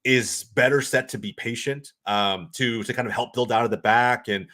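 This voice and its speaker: A man talking as a guest pundit on a casual football podcast, analysing quickly with many restarts and "right?" asides. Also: mid-range voice. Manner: fast, animated analysis with restarts and "right?" tags.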